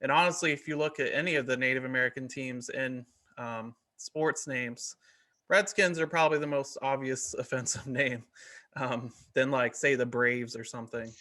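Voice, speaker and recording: A man's voice: medium pitch, fairly even intonation, moderate pace, bright, forceful tone. A man co-hosting a podcast, chatting casually with lots of "like" and "um". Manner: loose, filler-heavy, with many likes and ums. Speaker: podcast co-host. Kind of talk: casual opinion chat.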